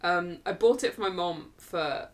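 A woman's voice: lowish voice, measured pace. A woman co-hosting a podcast in casual chat, rambling with lots of fillers. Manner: chatty, lots of fillers and likes. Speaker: podcast co-host.

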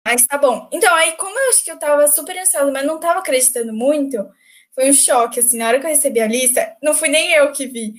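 A young woman, a new lawyer, telling a story in animated casual chat and laughing often. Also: high voice, fast talker. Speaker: newly qualified lawyer, podcast guest.

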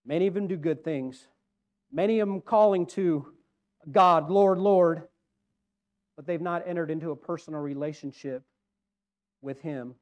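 Male pastor, sermon, high and smooth voice, earnest, shifts loud to soft. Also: moderate pace, lo-fi sound. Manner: earnest preaching, swings from loud emphasis to quiet. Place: church.

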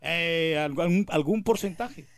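A man's voice: fairly high pitch, moderate pace, over a noisy crowd. A Mexican man as a radio sidekick, hesitant and sheepish in comic banter.

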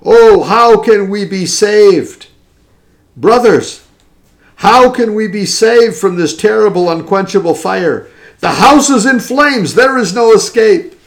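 A man's voice: sits high, huge pitch swings, unhurried, hardly any pauses, voice pushed up, heavily acted. A man doing a tearful, pleading preacher. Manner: impassioned, pleading.

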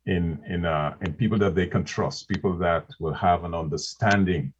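A man's voice: deep voice, normal speed, slight background noise. A man co-hosting a casual podcast discussion, speaking hesitantly with many restarts and repeated words. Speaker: podcast co-host. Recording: muffled lo-fi podcast recording.

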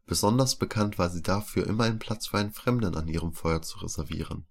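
A man with a very deep voice narrates a fantasy tale. His reading is even and steady, with a clear storytelling rhythm. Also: fast.

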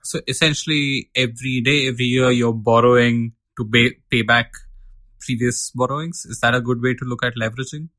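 A man's voice: mid-range voice, steady tone, a little fast, sharp tone, no room sound. A man interviewing conversationally in a studio, checking his understanding with short questions. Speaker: podcast interviewer.

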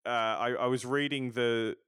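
A man's voice: medium pitch, steady tone, normal speed, fairly bright tone, smooth, no echo, clean studio sound. A man hosting a casual podcast interview, often stammering and repeating words as he talks. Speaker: podcast host.

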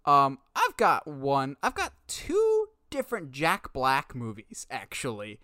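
Young man, casual podcast chat, animated storyteller, lively swings, dry mic. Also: medium pitch, slow, no echo. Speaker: podcast co-host.

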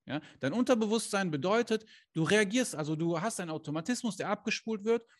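A man with a high-pitched voice talks to camera as a life coach. He is earnest and direct, firing off rhetorical questions and sprinkling in Islamic phrases. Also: animated, fast. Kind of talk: motivational coaching talk to camera. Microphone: camera he adjusts himself.

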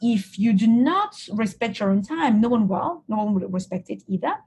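A woman's voice: medium pitch, expressive, moderate pace, darkish tone, slightly rough. A woman from Cameroon, a guest in an interview, answering reflectively with frequent restarts and "you know" fillers.

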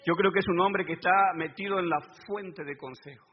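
A male preacher giving a sermon, asking his congregation call-and-response questions and swelling to loud emphatic stretches. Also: high voice, a little fast, slightly rough. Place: church hall. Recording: reverberant hall, dull lo-fi sound, faint noise.

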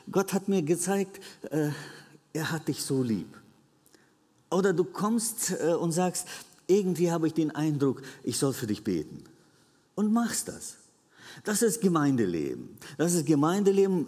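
A man delivers a sermon in an earnest tone, his voice sitting somewhat high. He stresses points by repetition and stumbles into small fillers. The long reverb of a church hall hangs on his words. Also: a little mellow. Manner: earnest, repetitive emphasis with frequent hesitations. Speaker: preacher.

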